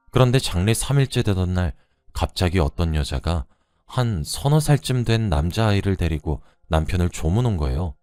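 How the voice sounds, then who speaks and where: A man giving scripted first-person narration of a wife's story in a measured tone. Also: low-pitched, darkish tone, no room sound, studio quality.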